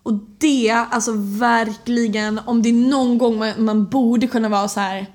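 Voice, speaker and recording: A woman's voice: a little high, steady tone, a little mellow. Young woman reflecting in casual chat. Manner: reacts with short interjections, reflective. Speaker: podcast co-host.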